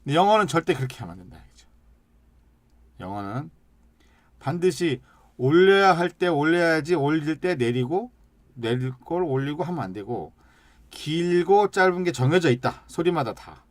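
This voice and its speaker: A man teaching an English lesson, stretching out sounds and syllables slowly as he demonstrates, and asking the class questions that he then answers himself. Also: on the high side, expressive, no room sound. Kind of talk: lecture with slide examples.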